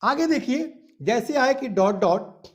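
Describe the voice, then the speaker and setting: A man teaching a grammar class, spelling out sounds one by one, gently scolding pupils and checking after each point that they follow. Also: very high voice, lively intonation, slow. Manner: calls students "beta" and checks "any problem?" after each point. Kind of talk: classroom lesson.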